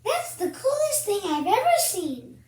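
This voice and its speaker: A woman's voice: very high voice, very animated, a little mellow, pitched above the performer's own voice, exaggerated voice. A woman voicing a dramatic, exclaiming mother in a children's storybook. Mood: amazed. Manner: exclamatory, drawn-out and theatrical. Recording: echoey room.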